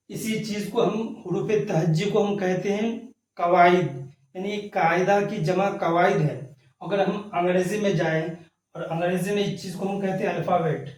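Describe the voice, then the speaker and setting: A man's voice: high voice, a little mellow. A man teaching the alphabet, patiently sounding out and repeating each letter. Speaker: Urdu teacher. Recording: echoey room, voice far from the mic.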